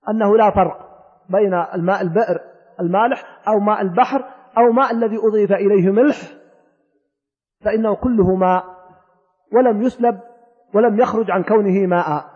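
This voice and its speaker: A man's voice: sits high, slightly rough. An older man teaching a classical religious text, speaking emphatically and repeating key phrases, sometimes imitating what people say. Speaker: sheikh teaching a fiqh text. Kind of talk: classical Arabic lesson with colloquial asides. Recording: dull recording in a reverberant hall.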